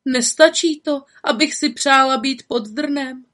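A woman's voice: sits high, fairly bright tone, voice pushed up. Woman voicing a weary wife, sad, sighing, mournful, storybook reading.

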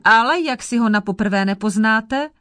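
A woman's voice: fairly high pitch, fairly bright tone, no room sound, lightly acted. Sorcerer, male, cunning and sulky, read by a woman, storybook voice, dry. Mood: scheming. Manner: sulky, scheming.

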